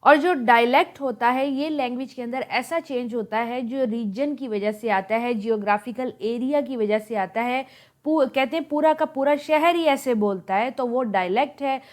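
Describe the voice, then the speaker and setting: A Pakistani woman lecturer with an Urdu accent explains linguistics notes at a moderate pace in a slightly high voice. She repeats her points, backs them up with examples, and mixes in English terms.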